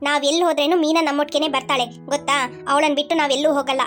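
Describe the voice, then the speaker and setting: A woman's voice: sits high, fairly even intonation, racing, natural voice. A woman as a stern, protective older girl. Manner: firm, scolding. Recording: cartoon with loud music underneath.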